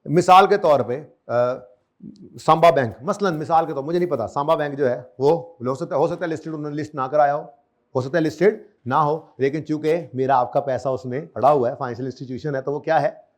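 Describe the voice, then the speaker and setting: A man's voice: on the high side, a little fast. Man drilling accounting terms. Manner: drills terms by repetition, asks students questions. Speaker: accounting lecturer. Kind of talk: classroom lecture.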